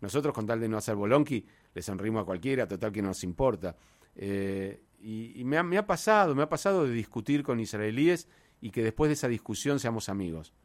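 A man with a Rioplatense Argentine accent chatting casually, telling anecdotes and dropping into quoted voices, often lowering his voice for asides. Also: lively intonation, brisk. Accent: Rioplatense Spanish. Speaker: conversation partner. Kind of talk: casual chat.

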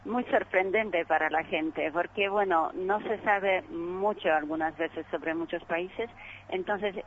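A woman from Poland with a Polish accent, a non-native speaker in a radio interview, haltingly searching for words. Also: lowish voice. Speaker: ambassador being interviewed. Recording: dull, noisy phone call.

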